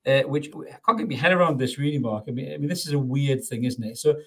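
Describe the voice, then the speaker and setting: A man's voice: mid-range voice, fast, breathy edge. A man hosting a casual football podcast, chatty, laughing often and swearing freely. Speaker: podcast host.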